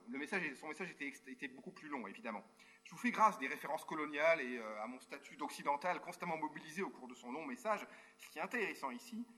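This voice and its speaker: Speaking to a conference via remote link, a male university researcher reads out a formal prepared talk, pausing occasionally for hesitations and spoken asides. He has a fairly high pitch and a sharp tone.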